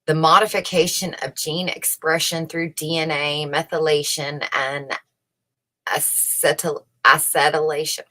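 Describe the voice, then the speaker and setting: A host reads research papers aloud and comments on them casually, with strong opinions and emphasis, often putting rhetorical questions to the listener. Her voice sits low, with a level, sharp tone and an unhurried pace.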